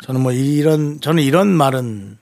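Gravelly, dry-joking male host. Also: medium pitch, normal speed, darkish tone, no room sound. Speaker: radio co-host. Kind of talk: casual radio chat.

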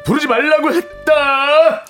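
A man's voice: very high voice, steady tone, slow pace, a bit bright, soft background music, heavily acted. A man playing an overconfident young husband who insists on doing his own repairs. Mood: stubborn. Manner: stubborn, boastful.

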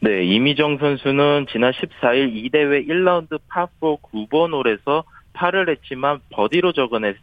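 A man's voice: on the high side, moderate pace, few pauses, dry recording, phone-quality sound. A man giving a formal scripted golf report in a golf commentator's manner, stumbling now and then. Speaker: sports newspaper reporter, golf correspondent. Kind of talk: scripted golf news report, play recap.

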